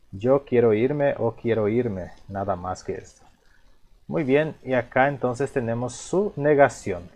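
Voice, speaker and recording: A man teaching a language lesson, explaining slowly, repeating each term and asking himself questions before answering. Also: mid-range voice, a little mellow. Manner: repeats terms patiently, asks himself rhetorical questions.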